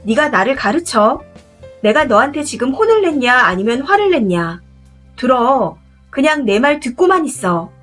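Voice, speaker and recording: A woman's voice: sits high, big pitch swings, moderate pace, fairly bright tone, soft background music, full character voice. A woman voicing an angry older father-in-law who scolds harshly, in a narrated story. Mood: scolding.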